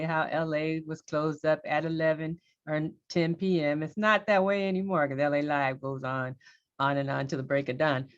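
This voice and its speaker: On a muffled recording, a low-voiced middle-aged woman from Los Angeles recounts her path to becoming a judge. She speaks on a panel with a frank, lively energy.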